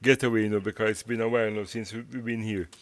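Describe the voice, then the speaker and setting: A man with a Jamaican accent, hosting a radio show in relaxed patois. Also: lowish voice, fast talker. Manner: laid-back, patois fillers. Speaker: radio host. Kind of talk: casual radio chat.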